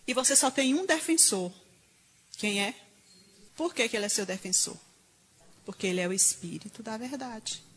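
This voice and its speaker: A woman preaches a sermon in a church hall, her voice fairly high and a little husky. She tells stories with energy and acts out the people she quotes. A long reverb trails behind her words. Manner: animated storytelling, quoting others in dialogue.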